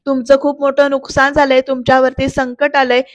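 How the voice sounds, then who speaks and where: A woman's voice: sits high, level tone, fairly quick, no echo, close to an everyday voice. A woman reading out the lines of a hurt, defiant young wife who answers sharply and reproachfully.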